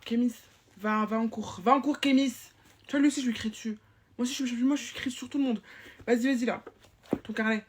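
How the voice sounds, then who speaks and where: A woman's voice: a little high, fairly even intonation, fast, noisy background, lightly acted. A woman playing a chatty, bossy young school supervisor in a comic POV sketch, rambling and teasing in slang.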